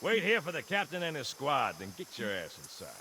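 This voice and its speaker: An actor playing a brash, bossy veteran marine sergeant in a video game cutscene, commanding and sardonic. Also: male voice, medium pitch, huge pitch swings, a little fast, bright, forceful tone, slight background noise. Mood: barking orders.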